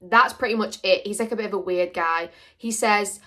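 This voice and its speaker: A woman's voice: medium pitch, normal speed, a bit bright. A young woman chatting casually to camera in a rambling, jokey Q&A. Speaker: vlogger.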